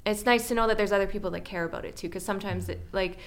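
Woman, from Northern Alberta, interviewee, casual chat, gravelly fry, filler-heavy. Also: medium pitch, fairly even intonation, rapid-fire. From Northern Alberta, Canada. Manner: chatty, many fillers and restarts. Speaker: interviewee, solar project lead.

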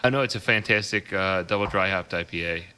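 A man chatting casually on a podcast and presenting a beer. He is laid-back and fills pauses with lots of ums and uhs. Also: low-pitched, sharp tone, clean tone. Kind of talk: casual chat.

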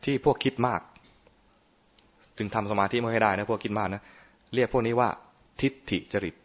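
A man's voice: fairly low pitch, steady tone, moderate pace. A man, a Buddhist monk, giving an informal dharma talk on meditation in a playful, teasing way, often quizzing his listeners. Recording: muffled lo-fi recording.

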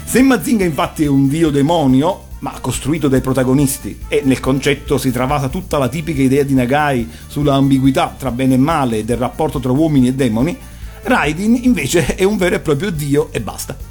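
A man's voice: medium pitch, fairly quick. A man giving an erudite, didactic commentary on animation. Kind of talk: explanatory talk, analysing cartoons. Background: soft music.

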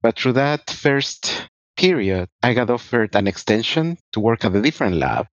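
A man's voice: mid-range voice, sing-song, moderate pace, dry recording. Ecuadorian man, dry muffled recording. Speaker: guest researcher. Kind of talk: interview answers. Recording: dry, dull lo-fi sound.

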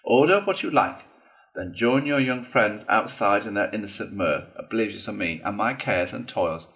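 A man voicing a boastful, excitable male toad gentleman in a storybook reading, gushing and theatrical. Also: normal speed, gravelly, poor audio. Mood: self-pitying. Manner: gushing, theatrical, shrill in outbursts.

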